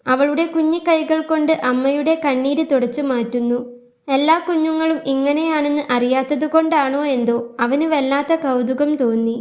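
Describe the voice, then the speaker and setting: A woman narrating a scripted story in a calm, even storytelling manner. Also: high voice.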